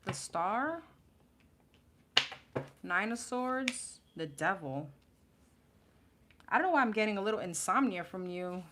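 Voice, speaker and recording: A woman's voice: mid-range voice, animated, takes it slowly, pauses often. A woman with a New York accent doing a live tarot reading, blunt and sassy, chatting and laughing as she pulls cards. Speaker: tarot reader. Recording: audible background noise with card shuffling.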